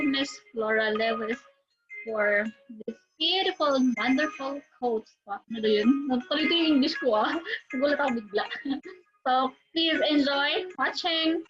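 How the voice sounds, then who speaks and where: A woman's voice: sits high, measured pace, fairly bright tone. A young woman from the Philippines with a Filipino accent, chatting casually in a vlog, giggly and self-deprecating, with lots of fillers. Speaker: vlogger. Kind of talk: casual vlog chat mixing Tagalog and English. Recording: slightly muffled with music playing behind. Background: background music.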